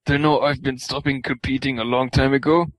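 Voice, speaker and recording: A man's voice: mid-range voice, flat delivery, a little fast, no echo, close to an everyday voice. Man reading as a grumbling retired fighter. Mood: grumpy. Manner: muttering, annoyed, swearing.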